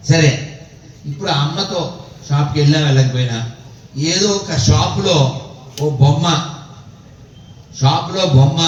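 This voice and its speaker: A man speaking to a boy before an audience, asking quick teasing questions in a playful stage manner. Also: a little high, a little hiss or hum. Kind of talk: lively stage talk with rhetorical questions. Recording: echoey hall, distant mic, dull sound.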